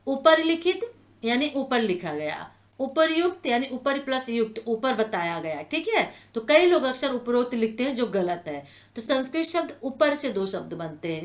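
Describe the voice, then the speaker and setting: A woman's voice: sits high, a bit bright. A woman teaching an exam-prep lesson, explaining patiently, repeating each word and checking in with her students. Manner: explanatory, repeats words slowly with frequent "ठीक है ना" check-ins. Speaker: online exam-prep tutor. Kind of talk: spoken exam-prep lecture.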